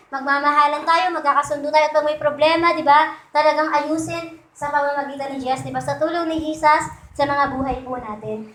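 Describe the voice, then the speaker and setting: Woman, Filipino accent, Sunday sermon, high-pitched, conversational, reverberant church hall. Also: a bit bright. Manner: conversational, keeps asking the congregation "di ba?"; acts out quoted people in little voices. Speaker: preacher.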